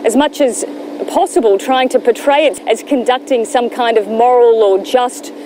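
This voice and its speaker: Vehicles can be heard clearly in the background as a female news correspondent delivers a live report from Gaza. She speaks in a higher voice and explains in a measured manner.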